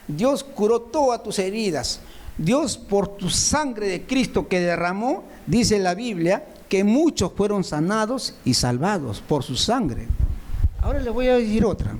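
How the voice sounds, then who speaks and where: A man's voice: sits high, a little mellow. A man preaching a sermon, speaking straight to his listeners and driving points home through repetition. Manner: repetitive emphatic phrasing, speaks directly to listeners. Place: church meeting room.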